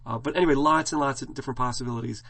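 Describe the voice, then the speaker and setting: A man's voice: mid-range voice, rapid-fire, creaky, fairly bright tone. A middle-aged male college instructor with a scratchy throat, giving a casual, rambling classroom lecture full of fillers and restarts.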